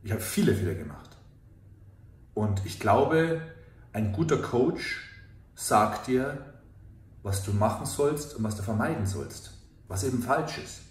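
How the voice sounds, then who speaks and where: A man talks straight to the camera as a coach, opening up in an earnest, emphatic confession. His voice swings widely, sinking low and quiet, then rising loud. The room around him rings with echo. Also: sing-song, a little slow, pauses often. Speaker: fitness and life coach. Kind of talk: personal confessional monologue. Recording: echoey room.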